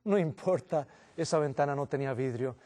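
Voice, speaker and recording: A man's voice: a little high, fairly quick, dark tone, lightly acted. A man playing a smiling, stubborn Italian man on a tram, speaking Spanish mixed with an Italian accent in an easygoing, shrugging way. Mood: amused.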